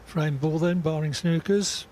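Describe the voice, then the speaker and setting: A man giving informative, unhurried snooker commentary on a sports broadcast. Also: a little high, steady tone, darkish tone, slight background noise.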